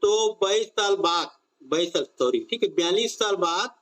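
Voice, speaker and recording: A man's voice: high-pitched, expressive, measured pace, a bit bright. A man teaching an online exam-prep class on current affairs, drilling students with repeated questions and stretching out key phrases.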